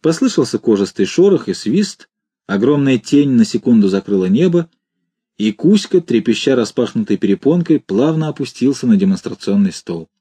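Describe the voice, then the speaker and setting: A man reading a comic fantasy story aloud with wry, expressive storytelling. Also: medium pitch, moderate pace, breathy edge, dry recording. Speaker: narrator.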